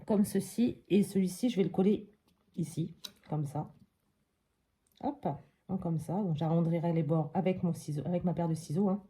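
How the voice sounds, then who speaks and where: A woman's voice: lowish voice, moderate pace, mellow. A woman hosting a casual step-by-step crafting tutorial at her craft table at home, chatting and thinking aloud with many little hops and voilàs.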